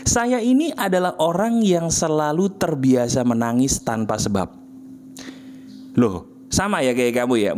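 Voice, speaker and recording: A man giving a motivational monologue straight to the listener. He coaxes and repeats himself, asks rhetorical questions, and swings between soft low murmurs and high emphatic bursts. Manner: intimate, coaxing, with frequent repetition and rhetorical questions. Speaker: motivational speaker.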